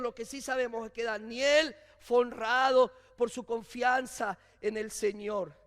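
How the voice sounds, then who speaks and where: A pastor preaches in a very high voice. He drops to near-whispers, then shouts his calls to the congregation. The long reverb of a church hall trails each phrase. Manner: swings from hushed lows to shouted calls. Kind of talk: sermon. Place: church sanctuary.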